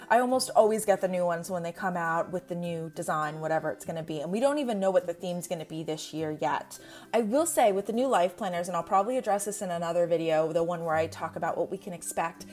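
A woman's voice: mid-range voice, a little mellow. A young woman vlogging at home, chatting casually through a product review with lots of fillers. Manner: chatty, rambling with many fillers. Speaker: planner vlogger. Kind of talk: casual screen-share review. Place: indoors at home.

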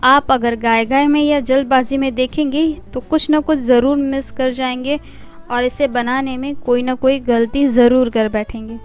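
A middle-aged woman hosting a cooking show, calmly explaining each recipe step and listing the ingredients one by one in a voice-over. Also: high voice, normal speed, soft background music.

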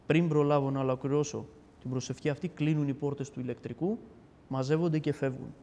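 A man's voice: medium pitch, slight background noise. A man giving a personal testimony in a casual storytelling way, acting out the dialogue as he tells it. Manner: animated storyteller who acts out dialogue. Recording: long hall reverb.

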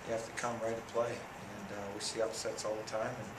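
A man's voice: lowish voice, flat delivery, brisk. A man in his thirties, a head football coach, answering questions after a game at a press conference, speaking plainly and steadily with many fillers and restarts. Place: press room in front of a sponsor backdrop. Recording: echoey room audio from a far camera, noisy.

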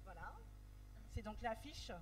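A woman's voice: a little high, lively intonation, unhurried. A woman moderating a live round-table, speaking into a handheld microphone and handing over to guests. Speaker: panel moderator. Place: dark event stage at an art fair. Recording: noisy live venue with long reverb.

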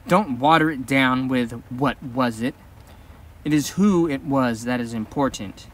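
A man reading an old sorcerer's lines in a hushed, urgent, commanding way. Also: medium pitch, unhurried, lightly acted. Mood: blunt.

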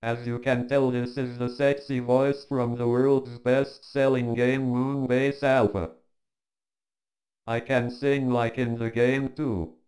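A robotic text-to-speech man's voice hosting a short demo, with monotone, evenly clipped syllables. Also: medium pitch, slow pace, rough recording. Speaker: synthesized podcast host. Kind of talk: automated voice demo.

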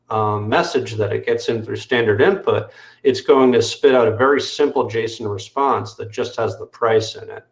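A man with a gravelly, fry-edged voice talks through code on a video call, explaining each step and leaning on "um" as he goes. His desk mic picks up a roomy echo from the small room around him. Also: medium pitch. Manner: explanatory, frequent "um" fillers. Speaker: developer demoing software. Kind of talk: technical screen-share walkthrough.

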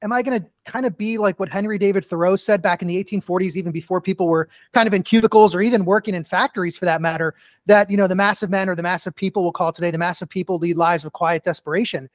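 A middle-aged man speaks as a podcast guest, his voice sitting high for a man. He tells earnest personal stories, peppered with "you know". The sound is dry and close, with little room. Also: fast, dry recording. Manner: earnest storytelling with many "you know" fillers. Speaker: guest, author and keynote speaker. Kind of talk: casual podcast interview.

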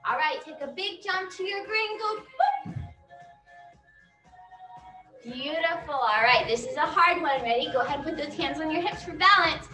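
A woman's voice: sits high, normal speed, long pauses. A young adult woman teaching a children's dance class in a broad, singsong, encouraging kids' theatre manner, energetically demonstrating as she talks. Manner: energetic, demonstrating moves while talking. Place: indoor dance studio, distant camera. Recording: echoey studio, distant mic, music behind.

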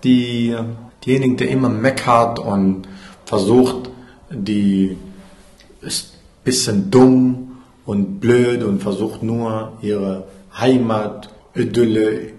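Playing an undercover agent disguised as a museum worker, a man speaks halting, Arabic-accented German, bluntly and with swearing. His lowish, slightly mellow voice stays steady and deadpan in an echoey room.

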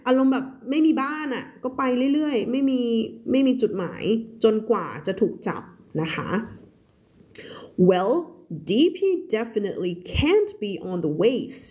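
A woman's voice: high voice, expressive, moderate pace, few pauses, mellow. A woman English teacher giving a live reading lesson, explaining words one by one and repeating them to drill stress and sounds.

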